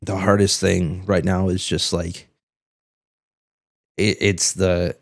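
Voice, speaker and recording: A man's voice: low voice, flat delivery, slow, dry recording, clean studio sound. A man co-hosting a podcast in casual chat, rambling and swearing freely, a bit under the weather. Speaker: podcast co-host.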